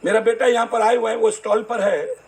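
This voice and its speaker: Middle-aged male Indian pastor, very high voice, story-driven sermon with voiced dialogue. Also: fairly even intonation, fairly quick, creaky. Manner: storytelling, acts out dialogue, calls to congregation. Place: church gathering hall.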